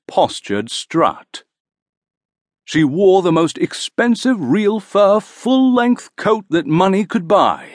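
A man narrates a storybook, his tone rising and falling with expression. He reads slowly and deliberately, in a voice a little higher than usual. The recording is close and dry. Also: dry recording. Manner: slow, expressive. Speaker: audiobook narrator.

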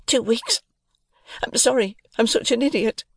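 A flustered young woman in her twenties, soft and apologetic, pitched well up high, as a man puts her on. The voice is close and dry, with no room around it. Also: expressive, measured pace, creaky, slightly rough, no echo, heavily acted. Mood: anxious.

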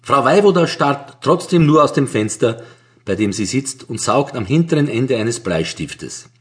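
A man reads a crime story aloud with a Viennese accent. His middle-pitched voice moves freely up and down in a wry, storytelling way. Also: expressive, normal speed. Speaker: audiobook narrator. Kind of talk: scripted narration.

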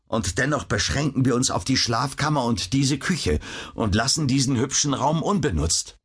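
A man's voice: mid-range voice, expressive, moderate pace, husky, voice pushed up. A man voicing a determined, hot-blooded young man of about twenty who argues earnestly with his mother, in a read-aloud storybook. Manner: earnest, insistent.

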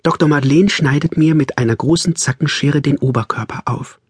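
A man narrating a novel in a calm, measured storytelling manner, close on a studio mic. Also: on the high side, slightly rough, no echo. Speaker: audiobook narrator. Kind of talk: scripted narration.

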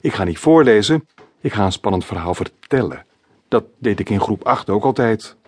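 A man's voice: fairly low pitch, animated, moderate pace. A man voicing a grumpy, reluctant male substitute teacher in a children's story.

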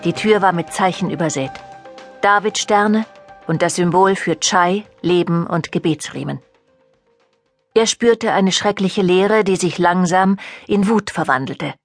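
A woman narrating a fantasy novel in a measured, dramatic storytelling manner. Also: on the low side, soft background music. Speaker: audiobook narrator. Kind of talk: scripted narration.

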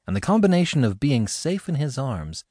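Expressive male audiobook narrator. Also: medium pitch, moderate pace, slightly rough, no room sound, studio quality. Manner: expressive, dramatic storytelling. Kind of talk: scripted romance audiobook narration.

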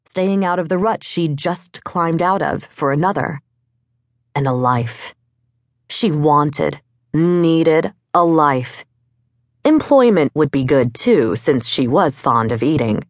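A woman reading a romance novel aloud as an audiobook narrator, in a measured, wry storytelling voice. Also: low voice, animated, dry recording, clean studio sound. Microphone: studio microphone.

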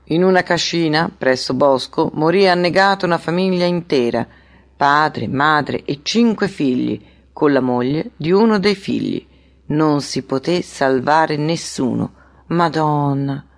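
Gruff burly tax collector, cracked voice, slow and grave, as a woman narrator puts him on. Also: fairly high pitch. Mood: grim. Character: tall gruff red-faced male tax collector.

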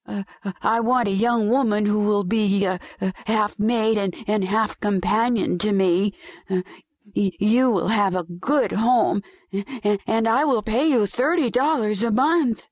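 A woman reading an audiobook, voicing a kind, flustered old lady who stammers gently. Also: medium pitch, measured pace, no echo, studio quality, pitched above the performer's own voice, lightly acted. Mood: eager. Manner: stammering, breathless and sweet.

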